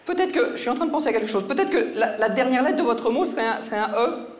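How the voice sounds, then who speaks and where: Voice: mid-range voice, expressive, fast, slight background noise. Teasing stage mentalist in an echoey hall. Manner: teasing, mock-serious patter. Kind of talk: live comedy mind-reading routine with audience volunteers. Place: stage before a live audience. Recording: echoey hall with faint crowd.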